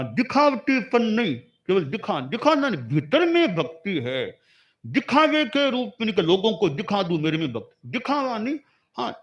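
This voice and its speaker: A man preaching a sermon, telling a parable in a storytelling way and repeating key words to drive the lesson home. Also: sits high. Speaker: religious preacher.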